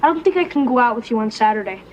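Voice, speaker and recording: An awkward teenage boy rambles through excuses. His voice sits high and unbroken. A clear hiss runs under this old TV recording. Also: animated, very fast, a little mellow, rough recording. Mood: sheepish. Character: sheepish teenage boy short on money. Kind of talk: sitcom acting.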